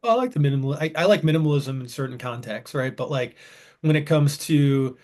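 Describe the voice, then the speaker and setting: Thirties male co-host, somewhat high pitch, excitable and meandering. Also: fairly quick. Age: 30s. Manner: rambling, restarts often, enthusiastic. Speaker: podcast co-host. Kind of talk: casual chat.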